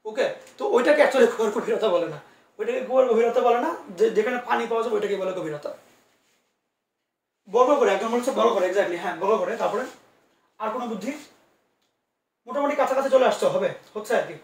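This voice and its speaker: A man's voice: very high-pitched, fast talker, long pauses, roomy sound, far from the mic. A man teaching physics in an online class, reassuring his students and coaxing answers out of them with many asides.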